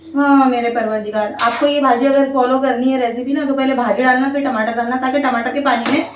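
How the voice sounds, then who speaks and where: Chatting casually while she cooks, a young woman who is a family vlogger and mother of two vents and explains things to her viewers from her home kitchen. She talks a little fast in a high voice with fairly even intonation, recorded from a distance in an echoey room with light background noise.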